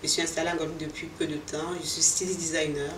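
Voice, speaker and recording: A woman's voice: low-pitched, little pitch movement, quick pace, noisy background. A middle-aged woman from Cameroon, a fashion designer and boutique owner, answering interview questions in an earnest, hesitant way with many fillers and restarts. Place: indoor boutique, seated. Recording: echoey room, voice from a distance, music underneath.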